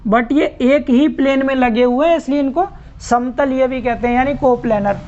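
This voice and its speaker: A man's voice: extremely high pitch, moderate pace, darkish tone. A man teaching an online lecture, explaining step by step and repeating key terms. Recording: muffled lo-fi recording.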